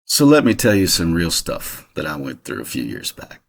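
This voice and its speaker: A man's voice: sits low, wildly swooping pitch, moderate pace, gravelly, slight background noise. A middle-aged man talking casually about his family history in a rambling way, with lots of fillers and restarts. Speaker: channel host. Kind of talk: casual personal monologue.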